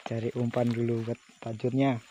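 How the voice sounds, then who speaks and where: A man's voice: mid-range voice, normal speed. A man fishing outdoors and chatting casually to his viewers. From West Sumatra. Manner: relaxed, chatty, addressing viewers. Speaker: fishing vlogger. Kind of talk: casual outdoor vlog narration. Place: outdoors by rural ditches and streams. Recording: faint outdoor noise. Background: rain and crickets.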